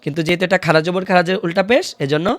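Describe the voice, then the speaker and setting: A fairly high-voiced man teaches a beginner's Quran reading class, sounding out each letter and vowel mark slowly and repeating it. The recording is close and dry, with no room sound. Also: steady tone, no echo. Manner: patient, repeats each syllable slowly for students to follow. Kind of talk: online recitation lesson.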